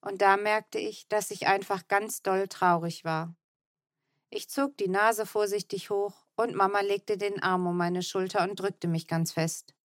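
A woman's voice: mid-range voice, steady tone, a little slow, no echo, studio quality. A woman narrating a children's book in the first person, telling the story evenly and tenderly. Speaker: audiobook narrator.

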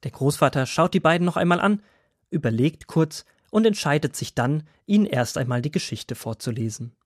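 A man narrating a children's Bible story in a calm, expressive storytelling manner. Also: fairly high pitch, normal speed, no echo, clean studio sound.

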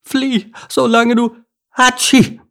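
A man's voice: little pitch movement, slow, creaky, a bit bright, full character voice. A man voicing a small blue tit with a heavy cold in a storybook reading, nasal and sneezing, crying out warnings. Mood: frantic. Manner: shrill warning cries. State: sneezing, stuffed up.

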